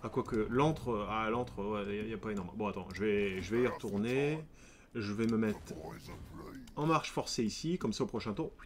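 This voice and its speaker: A man's voice: on the low side, moderate pace, slight background noise. A man streaming a strategy game, chatting casually and joking with his viewers. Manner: chatty, joking asides to chat. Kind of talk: casual live-stream commentary.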